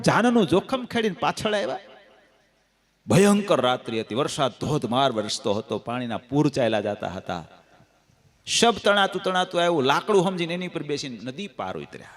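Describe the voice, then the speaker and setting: A man with a Gujarati accent giving a devotional scripture discourse, telling stories and folk anecdotes in a lively, sing-song way. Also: fairly high pitch. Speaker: katha storyteller.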